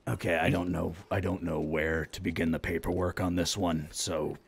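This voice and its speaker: Casting: man as baffled local cop for tabletop game, low husky voice, hesitant, measured. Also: flat delivery, heavily acted. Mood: bewildered. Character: bewildered male small-town police officer.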